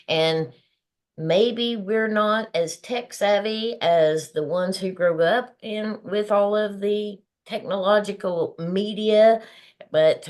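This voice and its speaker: A woman in her fifties hosting a motivational talk show, earnest and encouraging, often laughing as she talks. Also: medium pitch. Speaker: podcast host.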